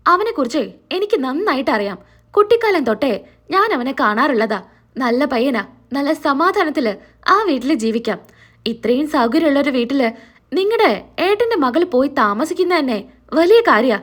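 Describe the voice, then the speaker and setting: A woman voicing a sharp-tongued young wife who talks in a sarcastic, taunting way. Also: high voice, sing-song, moderate pace.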